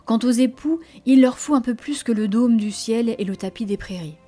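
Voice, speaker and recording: A dignified young suitor from an audiobook novel, voiced by a woman reader in her own range. He speaks gravely and earnestly, with tender emphasis. The voice is mellow and warm, with faint music underneath. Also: on the high side, moderate pace, lightly acted.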